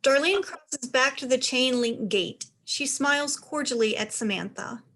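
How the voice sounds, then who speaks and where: A woman narrates a play reading, voicing the scripted stage directions between the actors' lines. Her voice is a little high and a bit bright, and her pace runs a little slow.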